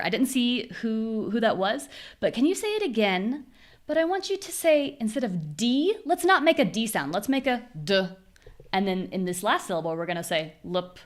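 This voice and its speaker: American woman, pronunciation teacher, mid-pitched, patient, demonstrating stressed syllables. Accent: General American. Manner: patient, clear explanations. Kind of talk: live online class.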